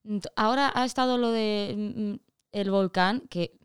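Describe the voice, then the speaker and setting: Woman, podcast guest, rambling, blunt, very clear voice. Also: mid-range voice, unhurried, no room sound, clean studio sound. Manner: rambling, frequent restarts, blunt and outspoken. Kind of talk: casual chat.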